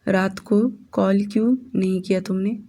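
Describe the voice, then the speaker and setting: A woman's voice: medium pitch, little pitch movement, a little slow, dark tone. A woman voicing a young husband who questions his wife on the phone, reading a storybook romance. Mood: irritated. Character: young husband, blunt then remorseful.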